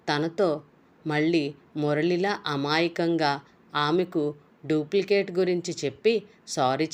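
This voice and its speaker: A woman summarizing and reading a novel aloud in a steady, plain storytelling manner. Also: low-pitched.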